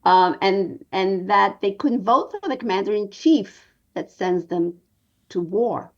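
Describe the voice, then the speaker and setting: A woman in her sixties from New York, a documentary producer telling her story in an interview with an earnest, measured manner and many pauses. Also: mid-range voice, lo-fi sound.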